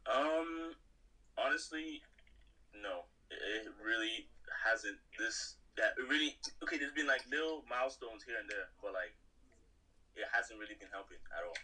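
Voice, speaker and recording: Casting: male panellist, rough-edged and very forceful in tone yet hesitant in phrasing, informal, sitting back from the mic. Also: medium pitch, animated, moderate pace, distant mic, low-quality recording. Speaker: discussion panellist. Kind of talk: casual discussion.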